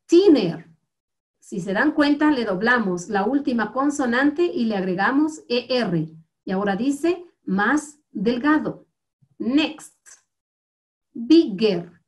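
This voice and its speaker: A woman with a Guatemalan Spanish accent teaches an English lesson to young students. Her voice sits high, and she speaks slowly and patiently, repeating each word so the class can follow. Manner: slow, patient, repeats words for students to copy.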